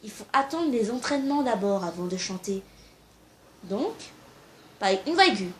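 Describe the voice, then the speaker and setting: A woman's voice: mid-range voice, very animated, normal speed, a little hiss or hum. A young woman talking casually to camera and giving amateur singing tips, informal and a little hesitant, with frequent fillers.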